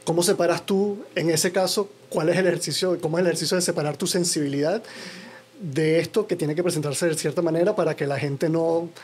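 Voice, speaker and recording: A man's voice: a little high, steady tone, a little fast, darkish tone, slightly rough. A man interviewing casually, rephrasing his questions informally as he goes.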